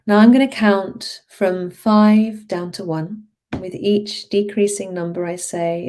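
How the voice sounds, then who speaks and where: Like a therapist, a woman leads a hypnosis session very slowly and soothingly. Her slightly low voice is soft, dark, and relaxed, and she stretches out her phrases while gently encouraging the listener.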